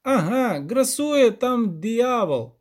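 A man voicing a gruff, hesitant peasant village elder who rambles in folksy country speech. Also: extremely high pitch, very animated, slow, darkish tone, pitched above the performer's own voice, heavily acted. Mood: rambling.

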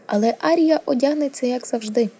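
A woman's voice: sits high, fairly quick, warm tone, pitched above the performer's own voice. A woman reading as a prim, indignant girl. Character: prim, proper young noble girl, easily annoyed.

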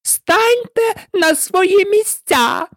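A woman voicing a furious, tyrannical female queen with a piercing, shrill voice, barking orders in an audiobook. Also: huge pitch swings, moderate pace, no echo, studio quality. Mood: commanding. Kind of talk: audiobook character voice.

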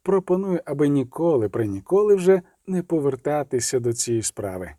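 A composed male vampire speaks slowly and coldly, every word measured, as a male narrator reads him. His voice sits a little high, dark and mellow in tone, in a dry, close recording. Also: sing-song, no echo. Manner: cold, measured.

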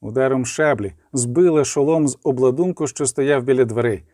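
A man reading scripted fantasy narration with steady, vivid storytelling, close to the mic. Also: mid-range voice, moderate pace, no echo. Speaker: audiobook narrator.

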